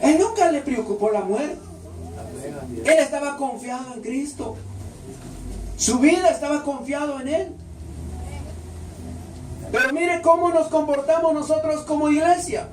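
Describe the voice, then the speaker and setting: A man's voice: very high-pitched, measured pace, long pauses, background noise. A man preaching to a congregation, fervent and full of rhetorical questions. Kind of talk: Spanish-language church sermon. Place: church hall with a congregation. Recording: echoey hall, voice picked up from a distance.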